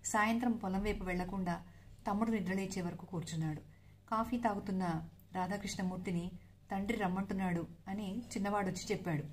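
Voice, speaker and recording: A woman's voice: mid-range voice, a little hiss or hum. A woman narrating a serialized novel, recounting the story steadily for her listeners.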